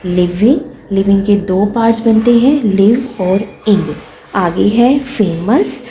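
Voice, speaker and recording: Woman teacher, gravelly voice, mellow tone, faint background hiss. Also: mid-range voice, poor audio. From Pakistan. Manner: explains in Hindi-Urdu, reads English sentences slowly. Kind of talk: textbook lesson walkthrough.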